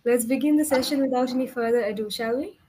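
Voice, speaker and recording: A woman's voice: high-pitched, quick pace, mellow, a little hiss or hum. A young woman from India with an Indian accent, teaching a one-on-one English lesson in an instructive way, often checking for understanding. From Kolkata, India. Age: young adult. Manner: instructive, frequent check questions. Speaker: English communication tutor.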